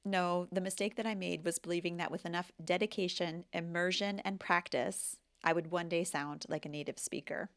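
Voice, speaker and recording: An American woman in her forties from the United States, a language teacher, speaks candidly and with self-deprecating humor in a casual, reflective vlog. Her voice is fairly low with fairly even intonation, a moderate pace, and hardly any pauses.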